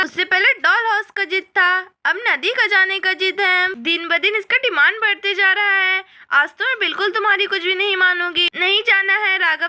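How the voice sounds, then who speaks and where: A woman's voice: extremely high pitch, sharp tone, full character voice. A woman voicing a village mother who scolds her stubborn little daughter in a doll story. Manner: nagging, exasperated scolding.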